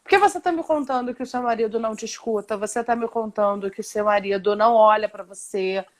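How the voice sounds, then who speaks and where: A Brazilian woman with a high-pitched voice talks over a video call. She is a therapist in a live online discussion, explaining at length and with emphasis, tagging her points with a questioning "né?". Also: fast talker. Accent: Brazilian Portuguese. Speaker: Gestalt therapist, host.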